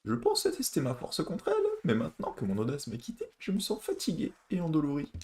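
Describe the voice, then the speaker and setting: A man putting on a high, strained voice for a tired, frightened traveler in a video game. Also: wildly swooping pitch, fairly quick, darkish tone. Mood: weary.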